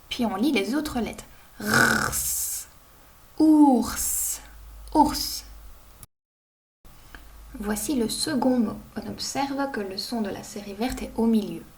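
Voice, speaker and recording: A woman teaching young children to read, sounding out each word slowly and clearly. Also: a little high, darkish tone. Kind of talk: reading lesson for young children.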